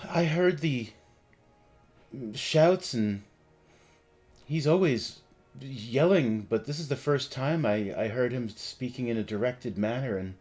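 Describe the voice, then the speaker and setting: A man voicing a gentle, friendly female ghost in a tabletop game, with an unearthly, hesitant way of speaking. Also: mid-range voice, expressive, slow pace, soft background music. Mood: reassuring. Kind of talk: tabletop game role-play.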